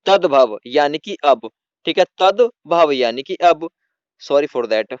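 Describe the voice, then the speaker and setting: High-voiced man teaching Hindi grammar. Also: expressive, slow pace, clean tone, no echo, highs cut off. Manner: repeats "theek hai dosto" and asks the class questions. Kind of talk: classroom-style lesson.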